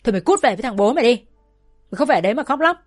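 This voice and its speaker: Harsh, furious mother, voiced by a woman reading a story, shouting contemptuous scolding at her own child, faint music under the voice. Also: fairly high pitch, animated, rapid-fire, dry recording, studio quality, pitched above the performer's own voice.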